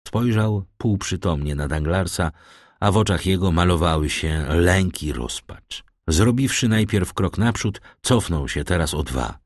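Deep-voiced male audiobook narrator. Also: no room sound, studio quality. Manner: measured, expressive reading. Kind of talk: scripted narration of a classic novel.

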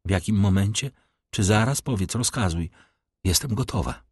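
A man's voice: lowish voice, lively intonation, moderate pace, darkish tone, breathy edge, dry recording, clean studio sound. A man reading an audiobook, voicing a desperate, pleading young woman in love with a tearful, raised voice. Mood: imploring. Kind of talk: audiobook reading of a classic novel.

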